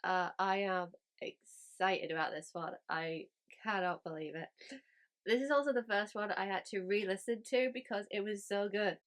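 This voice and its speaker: Sick with a cold, a book review host chats informally about a story she read, her medium-pitched voice moving at a normal pace. She rambles, using lots of fillers and restarting sentences.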